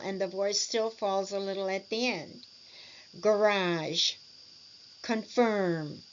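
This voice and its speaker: A woman teaching speech and swallowing exercises, over-articulating practice words and clearing her throat often. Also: medium pitch, muffled recording, slight background noise. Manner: deliberate, over-articulated word drills with frequent throat clearing. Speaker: speech therapy instructor. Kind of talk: slow instructional walkthrough.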